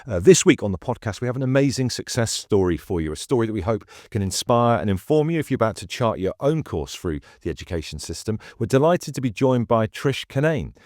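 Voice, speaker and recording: A man's voice: medium pitch, expressive, a little fast, hardly any pauses, a little mellow, no echo, studio quality. A man in his forties from the United Kingdom hosting a podcast, reading a scripted introduction and then asking friendly questions with small stumbles. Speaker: podcast host. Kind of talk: podcast interview.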